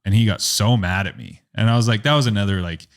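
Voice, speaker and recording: A young man, a photographer, telling a story in a casual podcast interview, rambling and animated, with a lot of "like" and acted-out quotes. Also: lowish voice, fast talker, smooth. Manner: animated, rambling, heavy use of "like", acts out quotes. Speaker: photographer and business owner, podcast guest.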